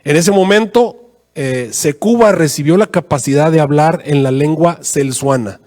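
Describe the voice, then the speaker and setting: A man preaching a sermon as a pastor, telling a story with animated quoted voices and frequent fillers. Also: moderate pace. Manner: animated, rising to high pitch in quoted prayers, many fillers "este". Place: church. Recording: long reverb in a church hall.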